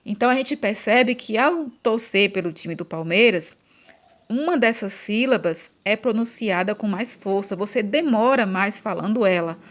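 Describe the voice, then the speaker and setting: A woman's voice: medium pitch, expressive, normal speed. A woman with a Brazilian Portuguese accent teaching a grammar lesson for children, speaking patiently and stretching out syllables when she chants example words.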